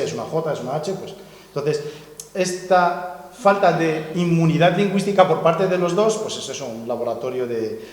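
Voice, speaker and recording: A man's voice: fairly high pitch, darkish tone. Man lecturing in an echoey hall. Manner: conversational, digressive, many fillers and restarts; draws on a board while explaining. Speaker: lecturer at a seminar. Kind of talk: academic lecture. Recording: echoey hall, long reverb.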